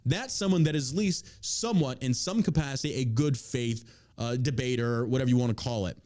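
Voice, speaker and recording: A man's voice: mid-range voice, fairly quick, darkish tone. Emphatic, profane American male political commentator. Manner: opinionated, emphatic, heavily profane. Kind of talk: casual political commentary, reading out news and tweets.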